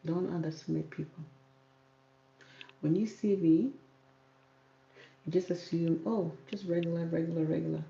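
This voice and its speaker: With a warm, gravelly voice of fairly low pitch, a young hair-channel host on YouTube responds to livestream comments, keeping a steady tone and normal speed while pausing often. Originally from South Sudan and raised in Kenya, she is firm and says things more than once for emphasis. The sound is roomy and dull, with faint background noise.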